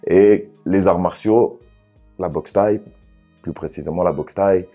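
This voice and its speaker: A man from Congo telling his life story in a casual podcast chat, relaxed, often ending a phrase with a tag question. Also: deep voice, unhurried, faint music behind.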